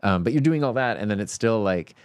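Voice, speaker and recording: A man's voice: fairly low pitch, fairly quick, smooth, no echo, studio quality. A man hosting a livestream, chatting casually and a bit rambly, with plenty of fillers. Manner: relaxed, rambling, talks with many fillers. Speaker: stand-in livestream host.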